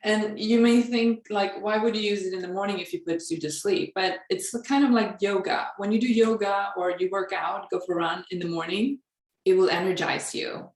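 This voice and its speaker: A woman's voice: medium pitch, steady tone, moderate pace, roomy sound, rough recording. A woman from Sweden, a guest in a casual conversation, talking in an earnest, reflective way with light laughs.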